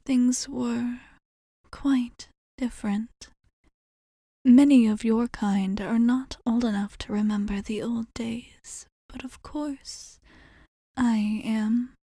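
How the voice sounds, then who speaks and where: In an intimate ASMR roleplay, a woman plays an ancient female vampire who tends bar, her fairly high voice soft, mellow, and breathy, often dropping to a whisper. She speaks very slowly in formal, measured wording with thoughtful pauses, composed, attentive, calm, and reflective. The recording is close and dry, with no echo.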